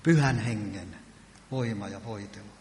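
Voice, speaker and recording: A man's voice: fairly low pitch, darkish tone, slight background noise. Man preaching in an echoey church. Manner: earnest preaching with emphatic rises. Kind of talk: sermon. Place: church hall.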